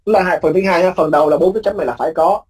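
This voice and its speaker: A male teacher giving a recorded lecture, explaining patiently, repeating key points and drawing out example words slowly. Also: sits high, a little mellow, slightly rough, low-quality recording.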